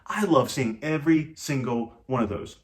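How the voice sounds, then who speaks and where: A man's voice: medium pitch, lively intonation, normal speed, heavy background noise. A man co-hosting a marriage channel in an earnest, encouraging and playful casual chat.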